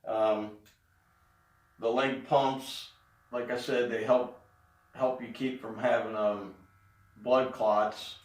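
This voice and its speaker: A middle-aged man giving a casual spoken update, talking haltingly with pauses in mid-sentence. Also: medium pitch, fairly even intonation. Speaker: vlogger giving a health update. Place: indoors in an echoey room. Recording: echoey room, distant mic.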